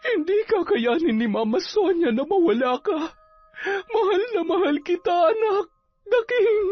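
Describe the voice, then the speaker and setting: Brief: fierce witch woman put on by a male narrator, shrill and tearful, high falsetto, lively swings, storybook horror. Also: a little slow, lo-fi sound, soft background music. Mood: tearful pleading. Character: woman, a fierce sorceress who dotes on a baby.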